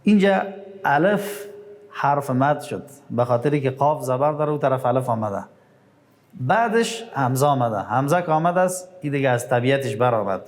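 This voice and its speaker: A middle-aged man with an Afghan Dari accent leads a Quran recitation lesson in a mid-pitched voice. He poses quick questions to his listeners and answers them himself. He lingers over each recited word, stretching it out slowly. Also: lively intonation.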